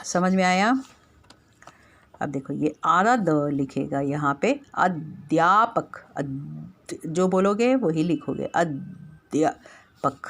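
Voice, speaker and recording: Woman teacher, very slow and deliberate, drills each syllable aloud for young pupils. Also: sits low, lively intonation, gravelly. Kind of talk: grammar lesson for children.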